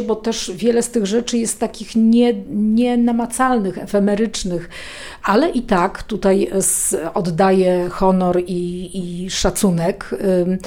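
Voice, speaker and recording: A woman hosting an interview, asking thoughtful, measured questions. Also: mid-range voice, darkish tone. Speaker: interviewer, host. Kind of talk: casual interview.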